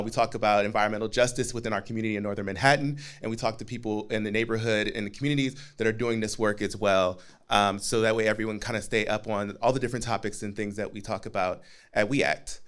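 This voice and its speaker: A man's voice: lowish voice, smooth. A chatty, jokey man making a casual announcement at a community meeting. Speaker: community organization speaker, podcast promoter.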